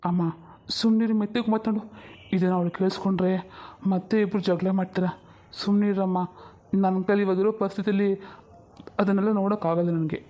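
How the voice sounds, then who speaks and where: A woman's voice: mid-range voice, fairly even intonation, brisk, long pauses, mellow, natural voice. A woman voicing a tired grown son who keeps soothing his mother. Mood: weary. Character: weary grown son and husband, hurt after a fall.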